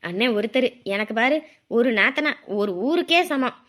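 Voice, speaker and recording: A woman playing a village housewife in a comedy sketch, rapidly griping about her in-laws to a neighbour. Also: fairly high pitch, lively intonation, a bit bright. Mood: gossipy. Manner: rapid gossipy complaining.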